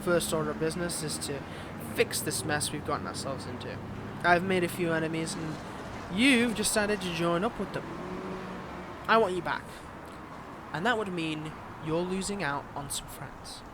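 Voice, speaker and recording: A man plays a high-pitched male villain in a romance audio drama, heard over noticeable background noise that sounds like it's outdoors. Smug and possessive toward a former lover, he blends theatrical flirting with veiled, taunting threats, his mood pleading and indignant. His voice is natural and his pace moderate.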